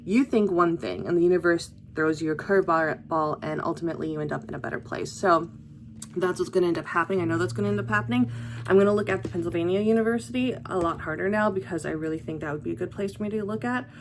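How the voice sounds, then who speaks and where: A woman's voice: on the low side, quick pace, a little hiss or hum. Chatty young woman vlogging. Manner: chatty and reflective, with fillers. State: hiccups. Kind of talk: casual vlog talk to camera.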